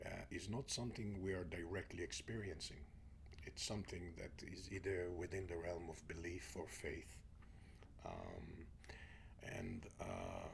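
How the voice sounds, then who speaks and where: Deep and edged with vocal fry, the voice belongs to a middle-aged Israeli spiritual teacher being interviewed as a guest. He reflects quietly, often trailing down to a near-whisper, over slight background noise.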